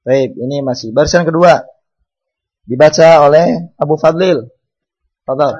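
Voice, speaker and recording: A man's voice: on the high side, unhurried, a little mellow, husky, dull audio. A man teaching an Arabic class, calling on students to read and patiently repeating words and their meanings.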